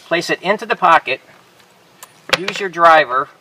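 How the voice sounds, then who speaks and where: A man with a fairly high, expressive voice speaks at normal speed while narrating a hands-on assembly demo with practical, casual step-by-step guidance. The room is noisy and his distance from the mic is uneven.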